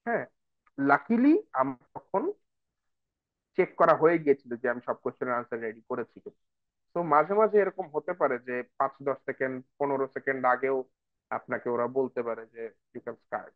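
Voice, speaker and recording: A man's voice: medium pitch, animated, normal speed, no echo, narrow, tinny audio. A man teaching an online IELTS speaking class, explaining patiently and slipping into English phrases. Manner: explanatory, addresses viewers as brother and sister, switches into English phrases. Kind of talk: online lesson mixing Bengali and English.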